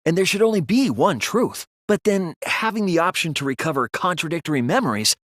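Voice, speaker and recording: Pensive and deductive, a teenage male video game detective works through his reasoning aloud in dramatic English-language scenes, building each deduction deliberately and pressing hard when he refutes. The breathy voice swings widely in pitch, and the very dry recording has no echo.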